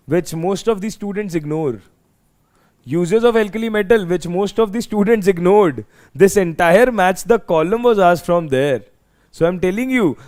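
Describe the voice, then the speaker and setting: High-pitched North Indian man teaching emphatically. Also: a little mellow. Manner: emphatic, repeats phrases for students. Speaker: chemistry teacher. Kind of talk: live exam revision lesson.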